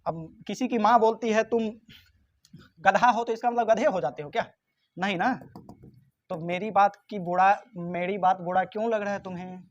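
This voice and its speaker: A man's voice: high-pitched, normal speed, highs cut off. A man teaching physics exam questions, teasing and scolding his students, sometimes answering for them. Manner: answers for students himself in their voice. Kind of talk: exam-prep lesson, question by question.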